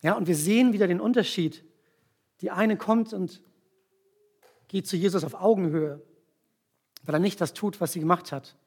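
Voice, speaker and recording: A man's voice: sits high, a little mellow, husky. A man preaching a sermon, retelling a Bible story with volunteers acting it out, often checking in with the listeners with tag questions. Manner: explains slowly with frequent tag questions.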